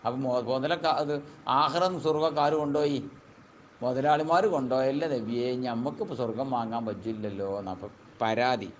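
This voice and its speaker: A man teaching a classical religious text, reading Arabic slowly and then explaining in quick colloquial speech. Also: mid-range voice, a little hiss or hum.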